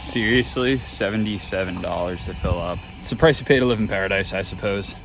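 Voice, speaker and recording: A man's voice: lowish voice, fairly quick. A man vlogging casually from his car on a road trip, chatty and laid-back, swearing now and then. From Boston. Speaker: sneaker vlogger. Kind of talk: casual vlog narration.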